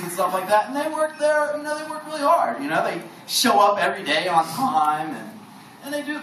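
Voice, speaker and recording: A male stand-up comedian works a bar lounge with a high, bouncing voice, laughing along with his own jokes. He sounds distant, and the reverberant room is thick with crowd noise. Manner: animated, laughs through his own lines. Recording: echoey room from far off, noisy crowd.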